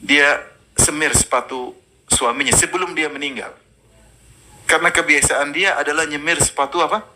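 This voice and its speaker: A preacher with a slightly high voice gives a religious lecture at normal speed, pausing often against a noisy background. He tells stories with energy and recites verses in Arabic.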